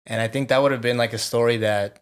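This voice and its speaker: A man co-hosting a podcast in relaxed casual chat, swearing freely and restarting his sentences. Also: mid-range voice, quick pace, clear, resonant tone.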